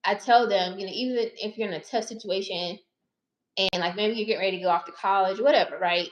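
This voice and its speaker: A woman in her thirties talks straight to her viewers in a loose, chatty way, calling them y'all and baby. Her voice sits at an ordinary middle pitch. The recording carries a noticeable room echo. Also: fast talker. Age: 30s. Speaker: personal finance YouTuber and licensed therapist. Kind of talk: casual chat to camera. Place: her living room or car. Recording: roomy echo.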